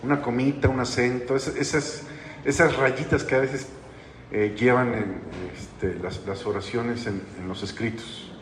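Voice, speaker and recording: A man's voice: mid-range voice, steady tone, measured pace. A man preaching a sermon as pastor, in a conversational way that keeps asking the congregation questions. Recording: echoey hall with long reverb, faint noise.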